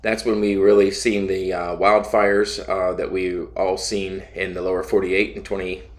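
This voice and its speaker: A man with a low-pitched voice narrates a trip he flew as pilot. He talks casually and without a script, in a plain-spoken, halting way, feeling for his next phrase. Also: little pitch movement. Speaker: pilot narrating his own flight video. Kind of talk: casual unscripted travel narration.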